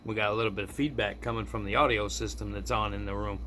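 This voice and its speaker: In a noisy indoor recording, a male product reviewer demos a gadget casually, chuckling as he thinks out loud. He speaks fast in a lowish, flat, sharp-toned voice.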